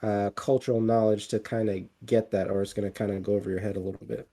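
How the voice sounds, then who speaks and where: A man co-hosts a podcast in casual chat, rambling with plenty of fillers and restarts. His voice is mellow and fairly low, with a level tone, and he talks fast.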